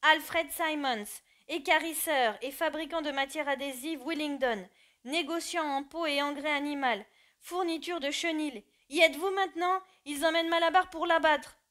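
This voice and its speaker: A woman voicing a grumpy old male donkey who shouts loudly and urgently in a storybook reading. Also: high-pitched, moderate pace, pitched above the performer's own voice. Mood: scornful. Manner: loud, urgent, braying.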